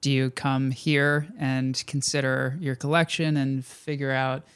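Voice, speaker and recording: Clear, smooth-voiced male podcast interviewer. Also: mid-range voice, level tone, a little slow, fairly bright tone. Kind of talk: casual conversational interviewing.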